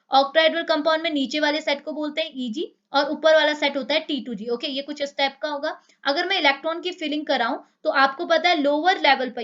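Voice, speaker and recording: A woman's voice: high-pitched, a bit bright, highs cut off. A woman with an Indian accent lecturing on chemistry, explaining step by step and asking many rhetorical questions. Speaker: chemistry teacher.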